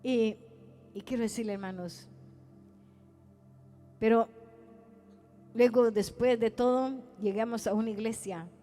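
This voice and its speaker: A woman's voice: a little high, fairly even intonation, a little slow, pauses often, dark tone, soft background music. A woman evangelist preaching a testimony sermon, acting out dialogue and calling her listeners brothers. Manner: storytelling, addresses listeners as brothers, acts out dialogue.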